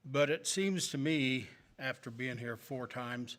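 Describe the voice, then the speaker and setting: An older man giving public comment at a city council meeting, resigned and halting, with plenty of fillers. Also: medium pitch, fairly bright tone.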